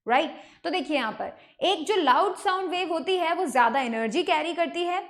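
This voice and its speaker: A young woman with an Indian accent giving an online science lecture, mixing Hindi and English and often checking in with her students. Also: high voice. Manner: mixes Hindi and English, checks in with "ठीक है?" and "right?". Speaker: teacher.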